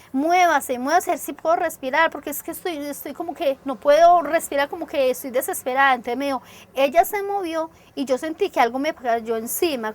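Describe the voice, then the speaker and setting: A woman with a Colombian Antioquia accent giving halting testimony as a survivor, repeating words as she relives the moment. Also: sits high. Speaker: survivor interviewee. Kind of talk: emotional testimony.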